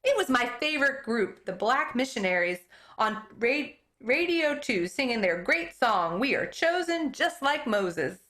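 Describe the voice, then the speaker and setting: In a fairly high, unhurried voice, a woman elementary teacher gives an expressive read-aloud of a children's book. She stumbles on hard names and pauses to comment on them.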